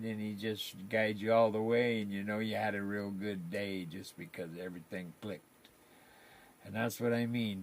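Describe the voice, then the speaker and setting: A man's voice: on the low side, vocal fry. An older man, chatting casually and rambling in folksy, colloquial talk on his live stream.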